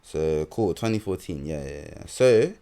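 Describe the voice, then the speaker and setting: A young adult man with a London accent co-hosts a podcast, spinning rambling, slang-filled stories in casual conversation. His voice rumbles low, with a dark yet clean tone, and he's expressive while keeping a measured pace.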